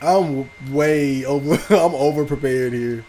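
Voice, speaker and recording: A man streaming a video game with loud, profane, reactive outbursts and casual chat. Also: mid-range voice, a little slow, a little hiss or hum. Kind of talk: casual gaming stream commentary.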